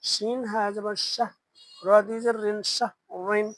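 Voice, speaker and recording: A Quran reading teacher with a Bangladeshi Bengali accent works through a spelling lesson at a very unhurried pace. They name each letter and vowel mark, then draw the syllables out into slow chanted recitation. The voice sounds close and dry, with no room around it. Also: mid-range voice, level tone, fairly bright tone, dry recording, low-quality recording. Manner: asks learners to repeat after them.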